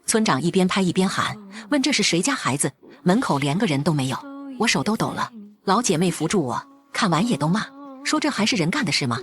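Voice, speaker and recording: A woman's voice: lowish voice, sing-song, fairly quick. A woman narrating a first-person drama in a cold, blunt and firm way.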